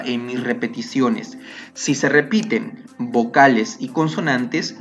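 A man's voice: medium pitch, muffled recording. A man teaching a lesson on poetry, explaining patiently step by step and correcting himself as he goes.

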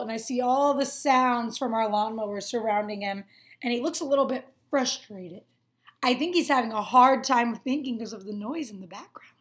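A woman in her twenties, a teacher, reads aloud to children in a fairly high, slightly bright voice, explaining things and prompting them with simple questions. She's indoors in a small room at home.

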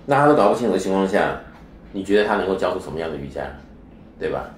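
A man speaks as a spiritual teacher in an interview, his voice sitting very low. He explains at length and keeps turning his points into rhetorical questions. The room around him is echoey, with a faint hiss underneath. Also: animated, very fast. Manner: lecturing, with frequent rhetorical questions.

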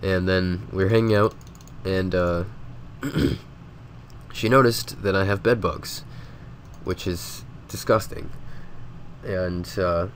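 Sounding sick and stuffed up, a deep-pitched man takes it slowly as he provides casual commentary over a game for his video. His talk is relaxed and rambling, heavy on fillers, with a soft hum of noise behind him.

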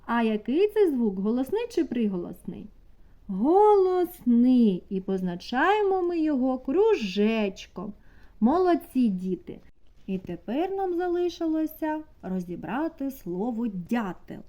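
A woman teaching a preschool class, asking the children slow, sing-song questions. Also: a little high, big pitch swings, warm tone. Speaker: kindergarten teacher. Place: kindergarten classroom.

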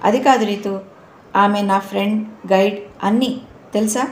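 A woman reading a storybook voices a sad young man who speaks softly and in a subdued way. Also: mid-range voice, fairly even intonation, moderate pace, close to an everyday voice. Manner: soft, subdued. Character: sad, quiet young man, elder brother. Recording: roomy room, faint noise.

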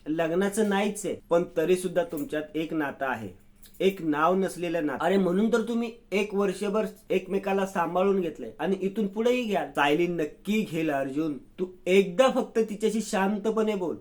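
Man doing a young guy, worried, pleading, coaxing, high voice, story recap. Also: moderate pace, natural voice. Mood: urging. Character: worried young man urging his friend.

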